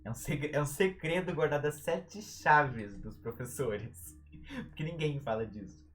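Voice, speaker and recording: A man's voice: a little high, a little slow, a bit bright, soft background music. A young man from Brazil with a Brazilian Portuguese accent, teaching a casual live-stream writing lesson in a playful, joking way and stretching out syllables for emphasis. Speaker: writing tutor.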